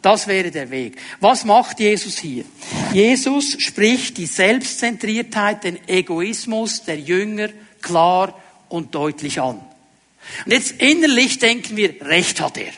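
Guy preaching, pretty high voice, dramatic, goes quiet to make a point. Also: animated, slow pace, long reverb tail. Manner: dramatic, drops to a hushed voice for emphasis; addresses listeners directly with rhetorical questions. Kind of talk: sermon.

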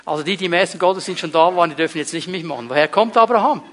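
A man's voice: fairly high pitch, very fast, a bit bright. A man preaching a sermon to his congregation, emphatic and full of rhetorical questions. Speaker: pastor.

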